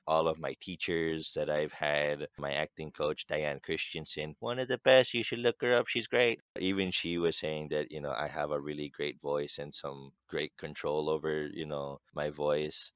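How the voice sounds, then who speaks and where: A young man with a deep, resonant morning voice, chatting as a podcast guest, animated and quick to laugh. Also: smooth, dry recording. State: just-woken morning voice. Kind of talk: casual podcast chat. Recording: slightly dull dry recording.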